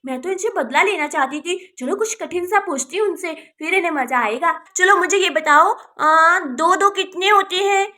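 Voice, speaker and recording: A woman's voice: very high voice, normal speed, hardly any pauses, sharp tone. A woman voicing a mischievous schoolgirl who plays teacher, teasing and bossy, in a doll story.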